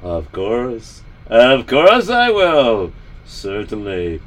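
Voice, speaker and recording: A man's voice: mid-range voice, wildly swooping pitch, extremely slow. A man, a rabbi, trading an improvised story with a partner in a playful way.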